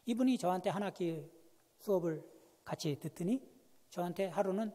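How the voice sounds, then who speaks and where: A man preaching a sermon as a guest pastor, telling a story with animated swings between hushed and loud delivery. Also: high-pitched, moderate pace. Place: church sanctuary. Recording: long church reverb.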